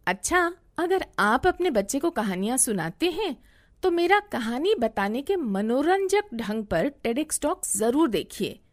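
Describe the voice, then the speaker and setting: A middle-aged woman, a parenting coach, hosting a podcast and telling a story in an expressive way. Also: high voice, unhurried.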